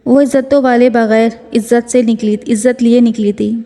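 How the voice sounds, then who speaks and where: Female novel narrator, emotional and slow; flat, high delivery with hall echo. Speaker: novel reader. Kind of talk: reading a romance novel aloud. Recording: long hall reverb.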